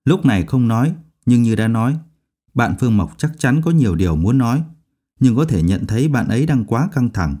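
A man's voice: mid-range voice, lively intonation, a little fast, mellow, slightly rough. A man voicing an awkward male vice principal speaking with forced politeness. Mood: strained.

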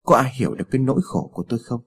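A man voicing a weary, widowed mother, speaking in a tired, pleading way with a husky tone. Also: mid-range voice, expressive, brisk, warm tone. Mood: bitter despairing. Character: worn-out grieving widowed mother.

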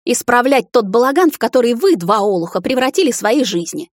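A woman's voice: fairly high pitch, expressive, normal speed, dry recording, clean studio sound, voice pushed up. A woman reading the part of a defiant young witch who hisses and snaps at her husband in anger. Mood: furious. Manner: hissing, furious outbursts. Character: fiery young witch heroine, defiant wife.

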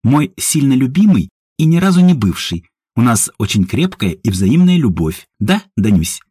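A man's voice: medium pitch, big pitch swings, normal speed, mellow, breathy edge, no room sound, clean studio sound, pitched above the performer's own voice. A man voicing a sarcastic, teasing young woman who mocks everyone around her. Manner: mocking, playful.

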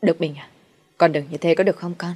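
A woman's voice: on the low side, fairly even intonation, a little fast, dark tone, breathy edge. A woman voicing a harsh, scheming middle-aged mother-in-law who scolds and commands. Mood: pleading.

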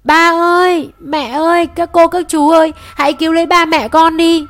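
A woman's voice: little pitch movement, normal speed, a bit bright. A woman voicing a terrified little girl who wails and sobs for her parents. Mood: wailing. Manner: wailing, shrill sobbing cries.

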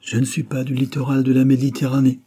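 A man reading the lines of a naive, proud Parisian gentleman angler in an audiobook, sounding boastful. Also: medium pitch, lively intonation, measured pace, husky.

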